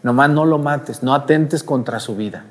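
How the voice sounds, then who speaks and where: A man voicing God as a calm, authoritative male deity in a measured way. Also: mid-range voice, voice pushed up, lightly acted. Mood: granting. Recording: long hall reverb.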